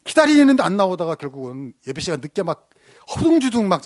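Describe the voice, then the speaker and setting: Animated high-voiced pastor preaching. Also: male voice, fast talker, no echo, studio quality. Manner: lively storytelling with rhetorical questions to the congregation. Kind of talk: sermon. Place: church sanctuary.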